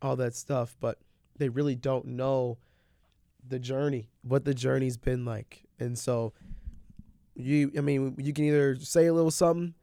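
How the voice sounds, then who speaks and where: A man's voice: mid-range voice, steady tone, measured pace, mellow, smooth, no echo, clean studio sound. A young man talking casually as a co-host on a podcast. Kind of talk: casual chat.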